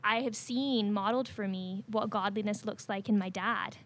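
A woman from Barbados, co-hosting a podcast and telling a personal story in a lively, direct way. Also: medium pitch, moderate pace, slight background noise. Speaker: podcast co-host. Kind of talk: casual storytelling.

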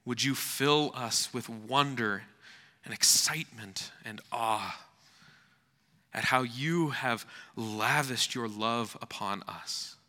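A man preaching a sermon in an earnest, rhetorical manner, with deliberate pauses and repeated phrases for emphasis. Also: mid-range voice, sharp tone. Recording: reverberant hall.

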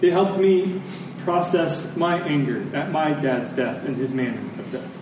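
Speaking in an unhurried way with a slightly high voice and lively intonation, a man preaches a sermon earnestly, repeating key phrases and finishing with a prayer. It's a church service in a large room, recorded from a distance with echo and faint noise.

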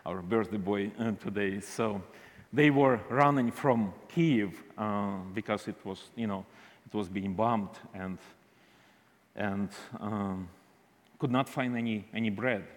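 Low-voiced Eastern European man in a hall. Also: slow pace. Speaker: visiting minister speaking to a congregation. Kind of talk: church testimony with stories. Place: large indoor church hall. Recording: reverberant hall.

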